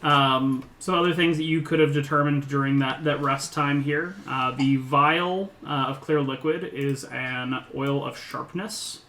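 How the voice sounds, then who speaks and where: Male game master, casual halting narration, bright tone, echoey room. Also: mid-range voice, steady tone. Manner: halting delivery. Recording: roomy, faint background noise.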